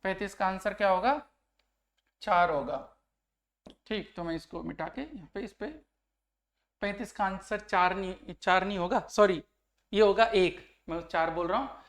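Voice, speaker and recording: A man's voice: sits high, measured pace, long pauses, a bit bright. A man teaching a grammar lesson, who keeps asking his students questions to check they follow and acts out the example sentences. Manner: explains by acting out example sentences. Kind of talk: online exam-prep lesson.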